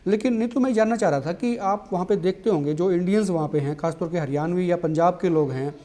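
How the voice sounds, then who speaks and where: A man's voice: high-pitched, fast, mellow. A man interviewing a guest, asking questions and affirming her with frequent hums.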